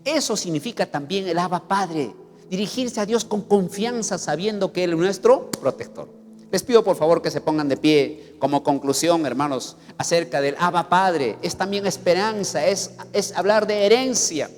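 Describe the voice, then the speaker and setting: A male pastor preaching a sermon, emphatic and acting out little scenes. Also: moderate pace. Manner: emphatic preaching, sweeping pitch, acts out scenes. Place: church hall. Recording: reverberant church hall with faint music.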